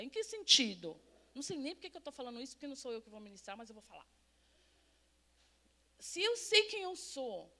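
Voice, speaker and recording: A middle-aged Brazilian woman preaches in a church with a high, light voice. Her sermon is chatty rather than solemn. She keeps stopping to quiz the congregation directly. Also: a bit bright. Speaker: pastor. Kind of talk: conversational sermon. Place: church sanctuary.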